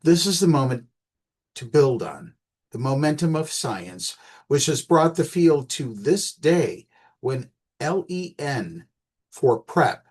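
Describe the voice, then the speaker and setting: Male radio newsreader, husky, mid-pitched, reads scripted bulletin with small slips. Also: darkish tone. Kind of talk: read news bulletin. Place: radio studio.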